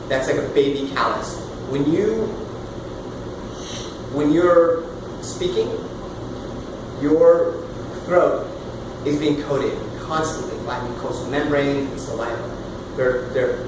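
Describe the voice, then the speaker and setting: A vocal coach in his thirties runs a casual singing workshop, loud and animated, with a medium-pitched voice. He swears now and then and demonstrates sounds while explaining. The recording is roomy, taken far from the mic, with room noise.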